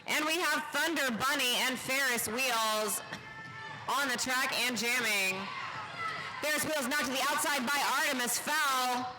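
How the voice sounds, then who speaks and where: A man giving quick, energetic play-by-play commentary on a roller derby game. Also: very high-pitched, music in the background, poor audio. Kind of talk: live sports commentary.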